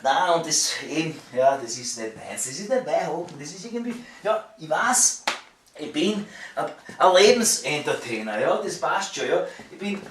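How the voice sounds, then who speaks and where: A man's voice: on the high side, sing-song, moderate pace, fairly bright tone, a little hiss or hum. A middle-aged man with a Viennese accent rambles casually and grumbles in coarse, repetitive language, like a waiter venting about work. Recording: echoey room, distant microphone.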